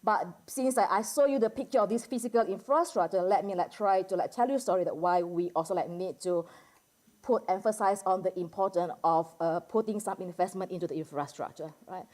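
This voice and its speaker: An academic discussant at a conference, this Medan, Indonesia native speaks with an Indonesian accent as she delivers a casual presentation for a general audience. Frequent hesitations and fillers such as "like" and "you know" mark her conversational style. She has a mid-range voice that comes across a little mellow.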